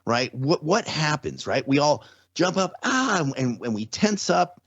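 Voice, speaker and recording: Speaking in a fairly high, sing-song voice that's a bit bright and husky, a podcast guest takes his time as he talks casually. A trauma survivor and former security contractor, he explains with repeated, restarted phrases and frequent rhetorical check-ins. There's no room sound, and the highs are cut off.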